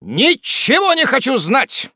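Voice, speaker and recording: A man's voice: on the high side, sing-song, brisk, sharp tone, no room sound, clean studio sound, voice pushed up. A man voicing a brash, insolent young strolling actor who talks back boldly and defiantly. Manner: bold, defiant, commanding.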